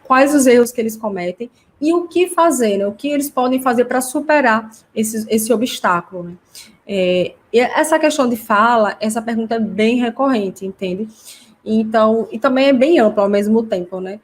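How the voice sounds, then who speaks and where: Casting note: woman, somewhat high voice, chatty live-class host answering viewers. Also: moderate pace. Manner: chatty, explanatory, reads comments aloud. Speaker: host teaching parents.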